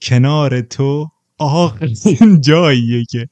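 A man's voice: medium pitch, a little mellow, no room sound. Dry-voiced man telling a story. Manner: anecdotal, mixes English loanwords, laughs while telling. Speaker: podcast co-host. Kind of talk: casual storytelling chat.

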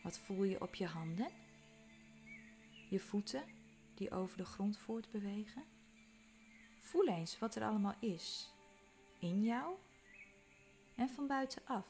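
A woman leading a guided walking meditation, giving calm, soothing instructions that sometimes drop to a soft whisper. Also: medium pitch. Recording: faint music behind.

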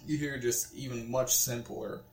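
A gravelly, mid-range voice with a steady tone and measured pace belongs to a man in his twenties. He co-hosts a casual podcast, rambles with many fillers, and laughs easily, all captured in an echoey room.

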